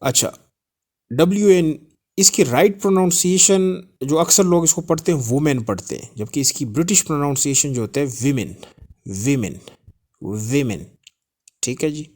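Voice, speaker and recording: A man's voice: on the high side, a little mellow. Man teaching pronunciation, spelling words out. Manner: repeats words slowly, spells letters out. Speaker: English teacher. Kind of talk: spoken language lesson.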